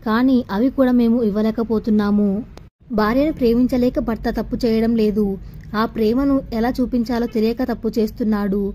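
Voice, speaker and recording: A woman voicing a patient, kind middle-aged husband who speaks softly and consolingly in an audio story. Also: a little high, steady tone, fairly quick, slight background noise, close to an everyday voice. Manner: soft, consoling and explanatory.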